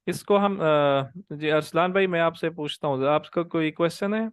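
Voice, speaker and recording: A man's voice: on the high side, clean tone, no room sound, clean studio sound. A young man teaching an online Quran tajweed class, patiently drilling letter sounds and calling on students by name over a video call. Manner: drawn-out demonstrated letter sounds.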